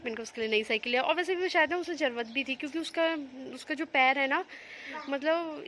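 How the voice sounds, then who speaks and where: A woman's voice: high-pitched, fairly quick, fairly bright tone. A young woman filming a casual home vlog on her phone, chatting and rambling to viewers while she minds her children. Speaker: home vlogger and mother.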